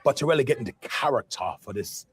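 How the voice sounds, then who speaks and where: A man's voice: mid-range voice, expressive, fast, slightly rough, no echo. A man acting a self-important British actor with a put-on Manchester accent in a comedy skit, cheeky and breezy. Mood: smug. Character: pompous male British actor in a parody skit.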